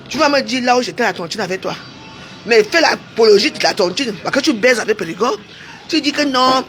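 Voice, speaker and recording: High-voiced woman ranting heatedly. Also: fairly bright tone. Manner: confrontational, scolding, addresses people directly. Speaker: online commentator. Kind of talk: heated livestream rant.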